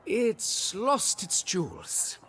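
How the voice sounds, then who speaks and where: A man's voice: high voice, wildly swooping pitch, extremely slow, a bit bright, slight background noise, full character voice. A male actor playing a self-important, florid exhibition keeper in a video game, with theatrical delivery. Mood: solemnly pompous.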